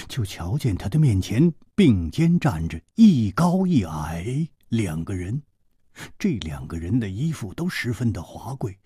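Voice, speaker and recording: A man telling a martial arts tale for radio in a vivid, animated storytelling style. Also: husky, no echo, clean studio sound. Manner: highly animated, vivid delivery.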